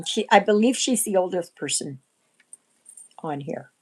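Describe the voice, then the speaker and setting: Woman, 60s, livestream host, casual chat, slow, lowish voice, throat clearing. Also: rough recording. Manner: rambling, frequent throat clearing.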